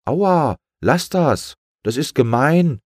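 A man's voice: medium pitch, big pitch swings, normal speed, mellow, slightly rough, dry recording, studio quality, pitched above the performer's own voice. A man voicing a small, curious balloon boy in a children's storybook, with a childlike, eager manner.

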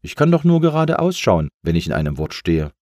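A man's voice: fairly low pitch, sing-song, fairly quick, a little mellow, no room sound, studio quality. A man voicing a big talking letter A, fretful and complaining, in a storybook. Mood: worried. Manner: worried, complaining.

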